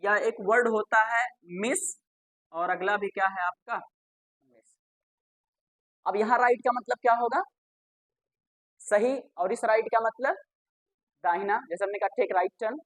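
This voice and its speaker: A woman's voice: fairly high pitch, unhurried, long pauses, dry recording. A woman teacher. She gives a classroom grammar lesson, spells words out letter by letter and repeats them, and asks the class questions that she then answers herself.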